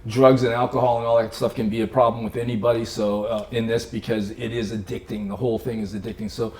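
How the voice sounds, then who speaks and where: A man's voice: lowish voice, fast, reverberant. A man, an artist, telling stories about his career in a casual interview in his studio, acting out the people in his anecdotes and laughing often. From Cape Cod, Massachusetts. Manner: animated storyteller, acts out voices in anecdotes, laughs often. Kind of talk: casual storytelling conversation.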